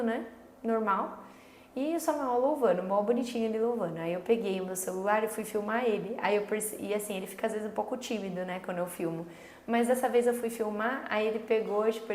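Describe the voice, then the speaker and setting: A Brazilian woman in her thirties telling a faith story about her son in an earnest, slow, casual way, full of little filler tags. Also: mid-range voice, a little mellow. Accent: Brazilian Portuguese. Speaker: mother sharing a faith story. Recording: echoey room with faint background noise.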